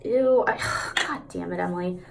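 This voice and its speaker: A woman's voice: lowish voice, normal speed, creaky, slight background noise. A woman chatting casually through a makeup tutorial, candid, slangy and sweary, talking out of the side of her mouth.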